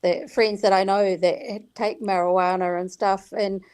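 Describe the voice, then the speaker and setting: A woman's voice: medium pitch, flat delivery, measured pace, darkish tone, clear, resonant tone. A woman from New Zealand with a Kiwi accent, a friendly, giggly guest chatting casually on a podcast. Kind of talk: casual chat.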